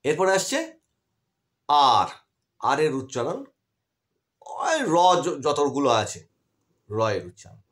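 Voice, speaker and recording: Man, lively voice, patient teacher, online grammar lesson. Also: on the high side, takes it slowly, pauses often. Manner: explains patiently with many restarts and questions to students.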